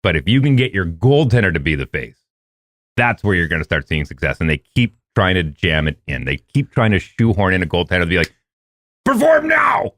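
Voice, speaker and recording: Man, low voice, dry close mic, casual hockey podcast chat, high mock voices for quotes. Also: a little fast, no echo. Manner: acts out quoted voices in a high, excited pitch. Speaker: podcast co-host.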